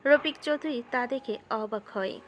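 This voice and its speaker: A woman narrates a romantic story from a script. Her voice sits somewhat high, and she works as the storyteller between scenes of dialogue. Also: normal speed, lo-fi sound, slight background noise.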